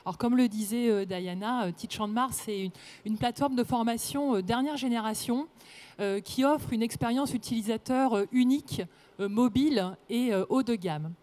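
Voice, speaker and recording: Higher-voiced woman presenting on stage. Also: moderate pace, a little mellow. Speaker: conference presenter, partner manager. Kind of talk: public presentation. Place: trade-show conference stage, indoors. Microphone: handheld microphone.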